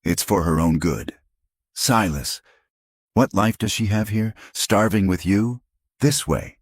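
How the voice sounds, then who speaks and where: A corrupt lawman speaks smoothly in an icy, unhurried calm, as a man narrating a western audiobook plays him. The voice is very low and husky. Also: dry recording, studio quality. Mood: calm menace.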